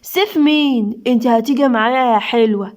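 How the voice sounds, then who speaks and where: A crude young Egyptian thug, taunting and insolent, as a woman storyteller puts him on. The voice stays close to her own, a touch high. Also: brisk, natural voice. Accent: Egyptian Arabic. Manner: rude, taunting. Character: young man, bold street thug.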